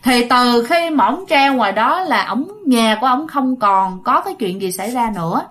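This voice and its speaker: This woman, whose accent is Southern Vietnamese, shares a ghost story casually, frequently turning to talk straight to her audience. Her pitch is high and a bit bright, her delivery animated at an ordinary pace.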